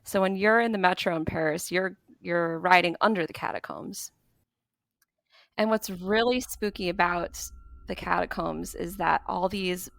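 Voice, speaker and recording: Podcast host, woman, gravelly tone, dry close sound, casual storyteller. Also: fairly low pitch, no echo. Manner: laughs often, relaxed telling. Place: bedroom at her parents' apartment.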